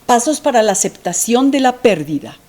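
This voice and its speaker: A woman giving a reflective lecture on grief, asking herself questions and dropping at times to a soft near-whisper. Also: a little high, very animated, normal speed. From Mexico. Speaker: thanatology lecturer.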